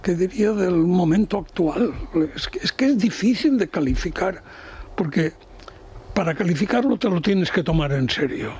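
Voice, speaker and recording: An older man with a Spanish accent, an economics commentator on a radio panel, talking in a slow, halting, professorial way with many restarts. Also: sits high, lively intonation, darkish tone, husky.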